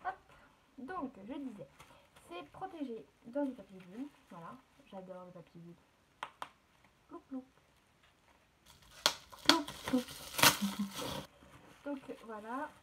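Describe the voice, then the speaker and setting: A woman's voice: medium pitch, noisy background. A woman chatting casually to her viewers as she unboxes and shows off a beauty haul, with plenty of fillers. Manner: chatty, filler-heavy, addresses viewers directly.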